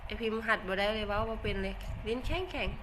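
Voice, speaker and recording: A woman's voice: mid-range voice, steady tone, racing, fairly bright tone, slight background noise. An older woman with an Isan Thai accent, chatting casually on a livestream, laughing often and joking about herself. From Northeast Thailand. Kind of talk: casual livestream chat reading comments.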